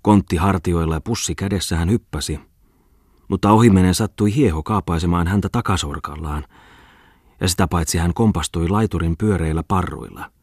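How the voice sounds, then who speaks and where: Low, husky male audiobook reader, measured storytelling, dry close sound. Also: a little mellow, no room sound. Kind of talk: scripted audiobook narration.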